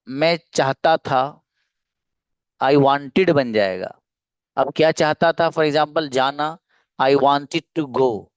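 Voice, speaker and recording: Man teaching an online grammar lesson, unhurried, smooth clear voice, dry close sound. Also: fairly high pitch, no room sound. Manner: explains patiently, repeats example sentences slowly. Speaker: English teacher.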